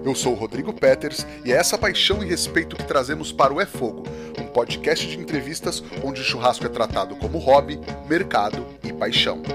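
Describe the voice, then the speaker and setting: A man's voice: mid-range voice, lively intonation, fairly quick, music in the background. A man hosting an interview podcast, introducing his guest in an upbeat way. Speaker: podcast host.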